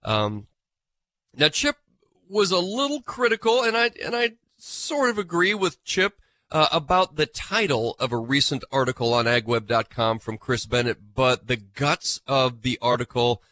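A man's voice: medium pitch, lively intonation, unhurried, bright, forceful tone, no echo. A man filling in as host of a live farm radio show, sounding nasal from a cold and talking in a chatty, self-mocking way.

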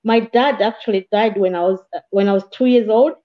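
A woman from Malawi tells her life story as an interview guest, in a measured, plain voice with the odd restart. Her voice sits in a middle register for a woman. The sound is a little dull and muffled. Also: medium pitch. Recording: slightly dull, muffled audio.

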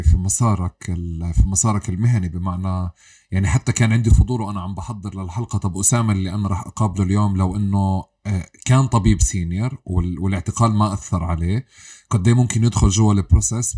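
A man's voice: fairly low pitch, dark tone, husky. A man with a Levantine Arabic accent, interviewing a guest in a conversational way as host.

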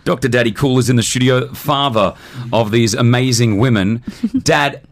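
A middle-aged man hosting a radio show, chatting in a lively interview style in a studio. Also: mid-range voice, moderate pace.

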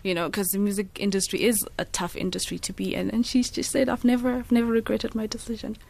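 A young woman from Zambia sits as a guest in an interview and tells family stories in an earnest, conversational way. Her voice sits at a middle pitch, and she keeps agreeing with short yeses between her longer answers. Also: little pitch movement, fast, gravelly, a little mellow. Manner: storytelling, earnest, affirming with frequent yeses.

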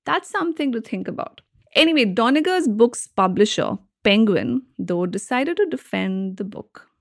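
A woman podcast host with an Indian accent and a fairly high voice. She delivers scripted explanations conversationally, dropping in wry asides and rhetorical questions. The sound is dry, with very little room echo. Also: animated, moderate pace, vocal fry.

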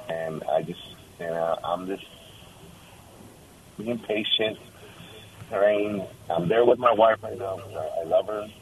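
A man calling in over a phone line, talking in a halting way with frequent restarts. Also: deep voice, a little hiss or hum. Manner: halting, restarts often, chuckles. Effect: heard over a phone line. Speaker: caller. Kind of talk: casual call-in chat.

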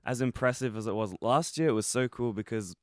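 A man's voice: medium pitch, fairly quick, dry recording, clean studio sound. A young man co-hosting a casual podcast, rambling with fillers and laughing easily. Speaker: podcast co-host. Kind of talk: casual chat.

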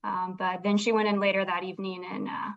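A woman's voice: medium pitch, flat delivery, brisk, creaky. Female radio guest, chatty and at ease, muffled lo-fi sound. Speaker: guest, veterans program worker. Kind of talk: casual radio interview.

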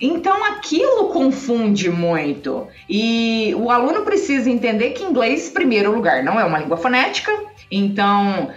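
A woman's voice: a little high, big pitch swings, normal speed. Guest teacher, woman from Brazil, explanatory and chatty, roomy dull recording with faint music. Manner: explanatory, frequent tag "né?". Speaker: agro English teacher, guest. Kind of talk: podcast interview explanation.

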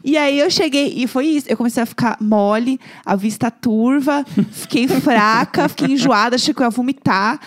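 High-voiced woman telling a mishap. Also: moderate pace, hardly any pauses. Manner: animated, laughing while telling a mishap. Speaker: podcast co-host. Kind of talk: casual storytelling chat.

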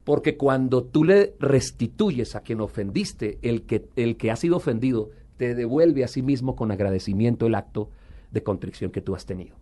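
A man's voice: medium pitch, expressive, normal speed, warm tone. A middle-aged man giving an earnest personal testimony as an interview guest, sometimes slipping into a preacher's manner.

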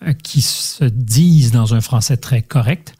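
A man's voice: medium pitch, measured pace, mellow, husky. A man hosting an interview, asking formal, carefully phrased questions. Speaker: interviewer, podcast host.

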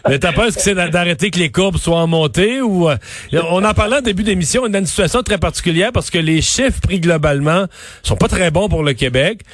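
A man's voice: sits high, fairly quick, no echo, studio quality. A man with a Québécois French accent hosting a radio talk show, conversational and hesitant with many fillers. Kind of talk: live radio interview.

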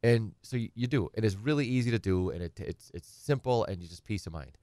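A middle-aged guest attorney on a talk show explains estate planning in a rambling, chatty way, acting out his clients' questions. His voice is lowish and dark in tone, with lively intonation and a slightly fast pace. The recording is clean studio sound with no echo.

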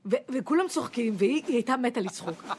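A female comedian tells an animated story with a flustered energy. Her voice is high, and faint background noise is heard.

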